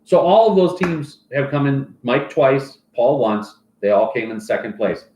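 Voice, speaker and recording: A man's voice: mid-range voice, lively intonation, a little slow, darkish tone. A man acting as a fantasy football league commissioner, reading stats and mock sponsor plugs in casual banter. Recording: roomy echoey room.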